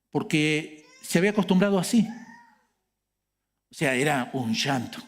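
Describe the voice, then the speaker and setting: A male pastor with an Argentine accent preaching a sermon in a conversational way, asking rhetorical questions and adding joking asides. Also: high voice. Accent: Argentine Spanish.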